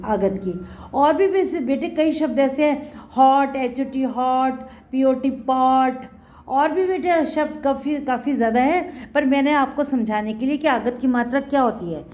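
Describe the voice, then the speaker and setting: A woman's voice: high-pitched, dark tone. A middle-aged woman teaching a Hindi spelling lesson to children, patient and repetitive, often calling her pupils "beta".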